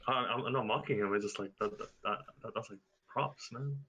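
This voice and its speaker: Fast-talking stammering young man. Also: on the low side, highs cut off, a crowd in the background. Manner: quick, stammers and repeats words. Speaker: podcast co-host. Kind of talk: casual podcast chat.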